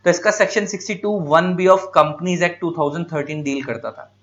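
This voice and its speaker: A man's voice: fairly high pitch, moderate pace, highs cut off. Hindi-speaking male teacher, quizzing his class. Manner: asks questions and answers them himself; repeats key points, addresses students as beta. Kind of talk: classroom lecture.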